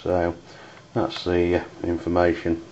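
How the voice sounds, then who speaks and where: Low and flat, the voice of an Englishman from the UK carries an unscripted amateur radio product review, delivered haltingly and with hesitation. Dull lo-fi audio and background noise round out the recording.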